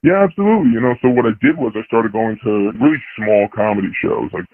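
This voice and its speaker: A man's voice: on the low side, expressive, fast talker. A male caller whose voice is disguised by a morphing voice changer, talking casually and without apology as he confesses on a radio call-in. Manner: casual, unapologetic, pleased with himself. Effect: voice changer disguising his voice. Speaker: anonymous caller. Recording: phone-line call.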